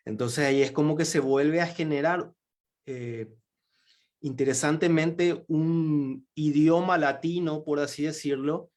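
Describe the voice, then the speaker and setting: A man's voice: on the high side, fairly even intonation, unhurried, darkish tone. A man from Paraguay with a Paraguayan Spanish accent, giving a symposium talk in a hesitant way, with many fillers and restarts. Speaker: symposium speaker. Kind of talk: lecture talk.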